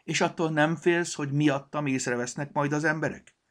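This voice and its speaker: A man voicing a timid, hopeful stuffed toy bunny in a high, eager voice. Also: steady tone, natural voice.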